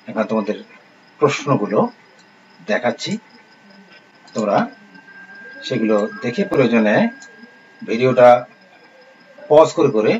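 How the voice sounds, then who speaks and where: A man teaching a recorded online lesson, speaking in a calm, measured way and reading out lists of words slowly. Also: medium pitch. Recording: slightly dull lo-fi recording with faint hiss.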